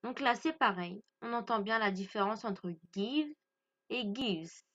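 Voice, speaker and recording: A woman's voice: fairly high pitch, expressive, a little slow, a bit bright, muffled recording. A woman from France teaching English grammar to French speakers, patiently stressing pronunciation and repeating each point.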